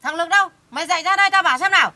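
A woman's voice: very high voice, racing, pushed and bright, no echo, exaggerated voice. A woman playing a bitter scolding widowed mother. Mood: commanding. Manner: scolding, blunt and coarse. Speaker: mother in family drama. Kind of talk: amateur short-film acting.

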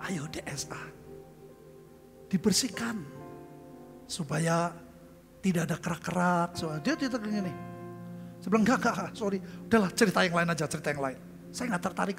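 An older man preaching a testimony sermon, telling stories with acted-out dialogue and calling the congregation "saudara". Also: gravelly. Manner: storytelling with acted-out dialogue, addresses crowd as saudara; bursts into loud high exclamations. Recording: long hall reverb with faint music.

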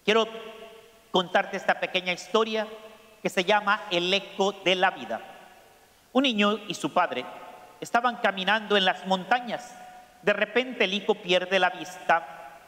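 A priest preaching a sermon, slow and emphatic, putting questions to his congregation. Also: high-pitched, sharp tone. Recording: echoey church hall.

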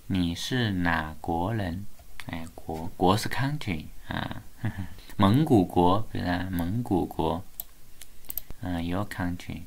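A woman teaching a live one-on-one Chinese lesson over a video call, patient, repeating words slowly, mixing Chinese and English and laughing often. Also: rumbling low, creaky, a little mellow.

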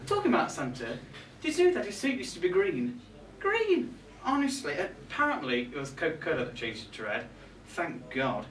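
A young man performs a comic monologue as a catty reindeer who resents Santa's crew, his fairly bright, highish voice swooping wildly at a moderate pace with hardly any pauses. Chatty and arch, he is indignant and gossipy, aiming asides at a live audience in a small pub room. A distant camera records the echoey room and its background noise.

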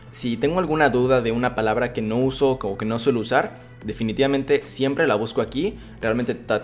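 A young man giving a relaxed, chatty software tutorial, full of fillers and restarts. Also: mid-range voice. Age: young adult. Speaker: tech YouTuber.

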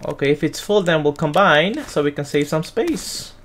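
A man's voice: a little high, normal speed, slight background noise. A man doing casual let's-play commentary, talking to himself and swearing when the game startles him. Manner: animated, swears and yelps at game scares. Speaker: gameplay streamer.

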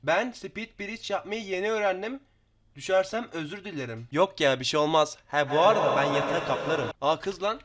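A teenage boy giving excitable gameplay commentary, chatting to viewers, swearing and shouting at opponents. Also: a little high, normal speed. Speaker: gaming YouTuber.

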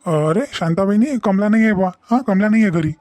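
A man's voice: sits high, fast, darkish tone, dry recording, lightly acted. A man voicing an exasperated middle-aged village father in a cartoon. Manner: rambling, exasperated. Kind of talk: cartoon voice acting.

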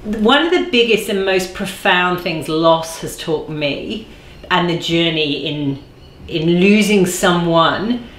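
A woman in her forties, a guest in an interview, speaking thoughtfully and slowing down to stress key phrases. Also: on the low side. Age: 40s. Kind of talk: reflective conversational interview. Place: bright living room, seated on a sofa. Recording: roomy echo.

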